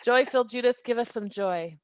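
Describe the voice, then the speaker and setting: A woman's voice: on the high side, brisk, dry recording. A woman hosting an online social on a video call, cheerfully calling on guests and teasing them. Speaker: event host.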